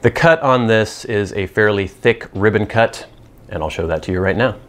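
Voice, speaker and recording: A man's voice: on the low side, normal speed, fairly bright tone. A man in his thirties talking to camera in an informal, matter-of-fact product review, explaining details as he goes. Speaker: pipe tobacco reviewer. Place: small indoor room with cloth backdrop. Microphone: lapel mic.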